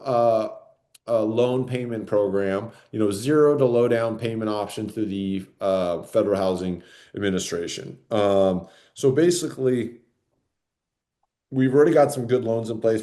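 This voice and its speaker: A man's voice: on the low side, dark tone. A man co-hosting a podcast in casual chat, rambling with lots of fillers and "right?" tag questions. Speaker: podcast co-host.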